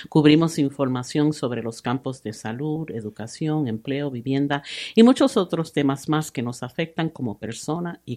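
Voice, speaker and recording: A woman's voice: low voice, darkish tone. A middle-aged woman hosting a community radio show, friendly and curious, slipping English words into her questions.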